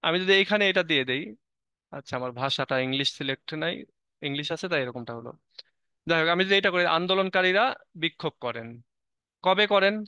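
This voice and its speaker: A man teaching an online grammar lecture, explaining step by step with rhetorical questions and frequent pauses mid-phrase. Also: on the high side, expressive, pushed and bright, clean tone, no echo. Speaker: English teacher.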